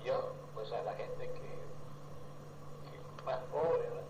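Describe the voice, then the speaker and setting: An older man from El Salvador, recounting his life in a rambling, halting way and acting out dialogue. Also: mid-range voice. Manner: rambling, halting with many restarts, acts out dialogue. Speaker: interviewee. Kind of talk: oral history storytelling. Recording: roomy with noticeable background noise.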